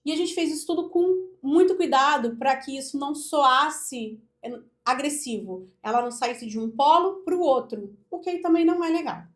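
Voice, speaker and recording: High-voiced Brazilian woman coaching speech. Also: lively intonation, moderate pace. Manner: demonstrative, explains step by step, often says "look". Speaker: speech therapist and public speaking coach. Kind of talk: instructional video with live vocal demonstrations.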